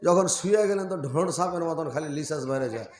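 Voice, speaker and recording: A man preaching a waz sermon, swinging between rousing calls and low, mocking humorous asides. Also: quick pace. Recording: echoey sermon hall PA.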